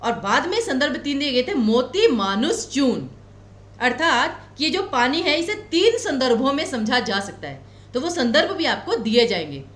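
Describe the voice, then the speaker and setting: Lady teacher in an echoey room, high voice, goes way up and down, slow careful explaining. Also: sing-song. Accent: Himachali Hindi. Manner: explains patiently, repeats key points slowly; reassuring, tells students not to worry. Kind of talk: exam coaching lecture.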